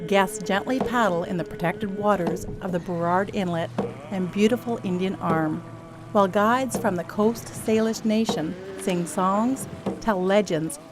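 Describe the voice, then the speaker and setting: A woman narrating a travel documentary in a measured, informative voice. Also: medium pitch. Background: music.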